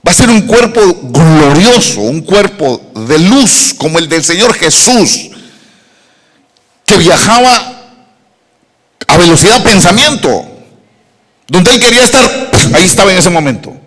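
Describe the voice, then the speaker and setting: A man's voice: high-pitched, big pitch swings, a little slow, pauses often, fairly bright tone. A middle-aged man from Rica, preaching a sermon with emphatic repeated rhetorical questions. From Costa Rica. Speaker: pastor. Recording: echoey hall reverb.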